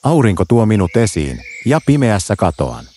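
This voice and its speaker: A man voicing a sharp-eyed but kind male fox guarding a mountain path in a children's storybook, posing riddles calmly. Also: on the low side, a little hiss or hum. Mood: riddling. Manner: calm, riddling.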